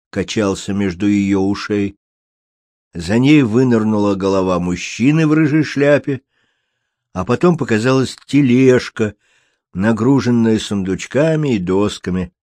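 A man reading a storybook aloud in an even, measured way. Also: on the low side, no room sound, studio quality. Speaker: audiobook narrator. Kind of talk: scripted storybook narration.

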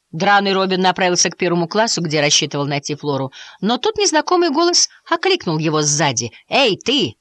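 A woman narrating a children's audiobook with expressive storytelling. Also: lowish voice, dry recording. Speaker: audiobook reader.

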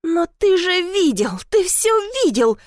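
A woman voicing an indignant, quick-tempered young woman in an audiobook, shrieking her outraged outbursts. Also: sits high, very animated, no echo, clean studio sound, pitched above the performer's own voice. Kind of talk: audiobook character voice.

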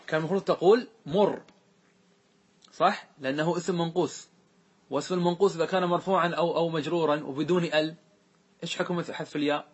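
A man's voice: on the high side, steady tone, fast, long pauses, slightly rough. A man teaching a grammar lesson, asking questions and often checking that his students follow.

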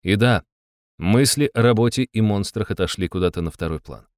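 A man's voice: on the low side, a little fast, clear, resonant tone, no room sound. Man narrating with dry wry irony. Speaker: audiobook narrator. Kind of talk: scripted narration.

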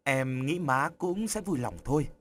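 A man voicing a soft-spoken trusting young woman. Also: mid-range voice, lively intonation, measured pace, a little hiss or hum, lightly acted. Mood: gentle. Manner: soft, pleading. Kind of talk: audiobook character voice.

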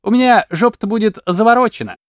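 A man doing a sly, shrill peasant aunt. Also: fast talker, no room sound, clean studio sound, lightly acted. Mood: coaxing. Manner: coaxing, scolding.

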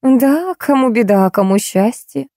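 Woman voicing shabby drunk woman of fifty, spiteful, mocking, higher voice, storybook. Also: animated, measured pace, mellow, no room sound, clean studio sound. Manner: gloating, mocking.

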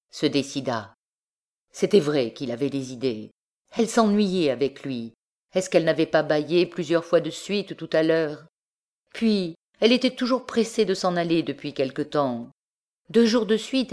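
A woman narrating a classic novel as an audiobook, reading in a slow, measured way. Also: sits low, a little mellow. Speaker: audiobook reader.

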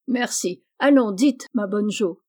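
A woman's voice: medium pitch, slow pace, darkish tone. A woman reading the part of a playful, teasing young man in an audiobook. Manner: playful and coaxing.

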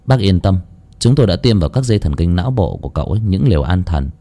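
A man playing a calm middle-aged surgeon who explains things in a measured, serious way. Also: low voice. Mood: puzzled.

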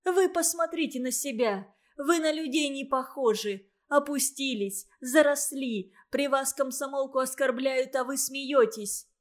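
A woman reading as a furious young girl, high voice, scolding, near tears, audiobook. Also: expressive, slow, hardly any pauses. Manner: indignant, scolding, close to tears.

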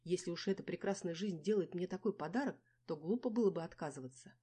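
Brief: woman audiobook narrator, somewhat low, warm tone, wry first-person reading. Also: fast talker, slightly rough.

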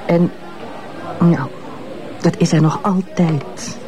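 A Flemish-accented actress voices the ex-wife and witness in a radio drama, a bitter, sardonic woman in her fifties who mocks and insinuates. She speaks slowly at a fairly low pitch with a steady tone, over background music.

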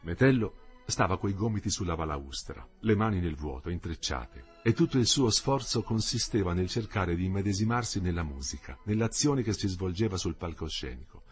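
A man narrates a literary novel in a calm, measured read. His voice sits on the low side, and faint music plays softly underneath. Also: breathy edge. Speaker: audiobook narrator.

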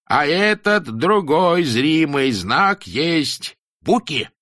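A man voicing a stern, pompous old-time schoolmaster who lectures in slow, rhyming sing-song sentences. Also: a little high, sing-song, fairly bright tone, no room sound, studio quality, pitched above the performer's own voice, exaggerated voice. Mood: instructing.

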